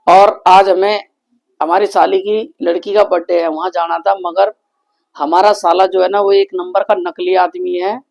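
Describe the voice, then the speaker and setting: A man's voice: high voice, vocal fry, darkish tone. A man in his thirties, a father talking casually to the camera in a family vlog, complaining with indignation. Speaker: vlogger, father.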